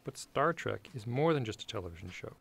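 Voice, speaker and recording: A man's voice: mid-range voice, big pitch swings, fairly quick, creaky, a bit bright, husky, heavily acted. A man voicing an earnest, insistent 1960s office-worker puppet in a comedic parody.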